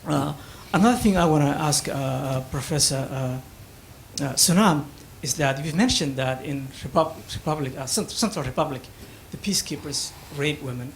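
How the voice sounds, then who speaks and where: Brief: man from Somalia, audience question, halting and earnest, slightly high voice, faint room hiss. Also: creaky, rough recording. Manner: halting, many fillers, earnest. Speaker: audience member asking a question.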